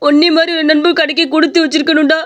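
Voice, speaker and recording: A desperate young man, played by a woman in a cartoon story. He pleads in a high voice with an altered, tearful timbre. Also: level tone, quick pace, a bit bright. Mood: pleading. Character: desperate young man begging his friend for money. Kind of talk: animated story voice acting.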